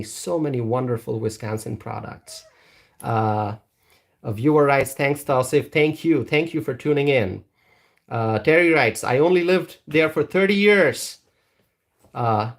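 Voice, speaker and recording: A YouTube channel host from Bangladesh, based in Wisconsin, chats earnestly with viewers during a casual livestream, reading their comments aloud. His voice is mid-range, and he repeats words and uses many ums and uhs.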